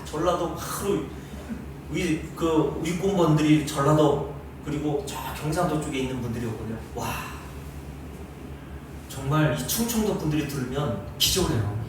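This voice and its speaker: A man preaching a sermon as pastor, lively and teasing his congregation with questions. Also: a little high, normal speed, noisy background. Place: large church hall. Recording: very echoey hall, mic far off.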